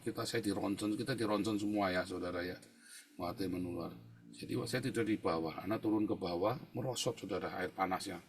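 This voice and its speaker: A male pastor, preaching conversationally to his congregation and swinging between quiet asides and loud, emphatic outbursts. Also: on the low side, a little hiss or hum. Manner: conversational preaching, constantly addressing listeners as brothers and sisters. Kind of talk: sermon with personal testimony.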